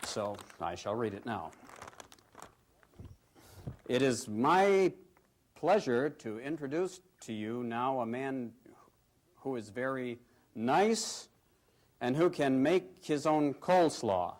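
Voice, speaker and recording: A man's voice: mid-range voice, animated, slow pace, long pauses, darkish tone. A man hosting a TV comedy show with a mock-earnest announcer delivery. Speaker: TV show host. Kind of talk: scripted TV hosting.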